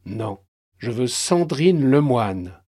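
A man's voice: mid-range voice, animated, slow, breathy edge, no room sound, studio quality. A man doing a worn-out stubborn man. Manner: quiet, clipped and stubborn. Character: exhausted desperate middle-aged man, stubborn.

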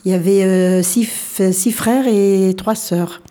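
A woman in her sixties, born in Algeria, telling her life story as a radio guest and often pausing to restart her sentences. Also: mid-range voice, steady tone, mellow. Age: 60s. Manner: hesitant, many fillers and restarts.

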